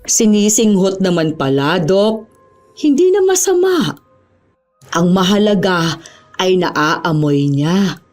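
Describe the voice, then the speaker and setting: Casting: woman playing a knowing, mocking female assistant in a horror audio story, lively swooping pitch. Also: takes it slowly, long pauses, faint music behind. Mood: sly. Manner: teasing, insinuating. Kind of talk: audio drama acting.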